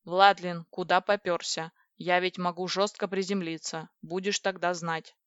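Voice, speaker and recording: A woman's voice: fairly low pitch, level tone, a little slow, a bit bright, clear, resonant tone, no echo. A woman reading the part of a sulky, sarcastic male spaceship computer, in a dull, dry audiobook recording. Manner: sulky, sardonic.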